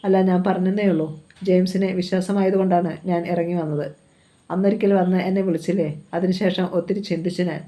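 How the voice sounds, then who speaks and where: A woman's voice: on the low side, flat delivery, brisk, mellow, natural voice. A woman reading the lines of a lonely young wife who talks in a hesitant, pleading way.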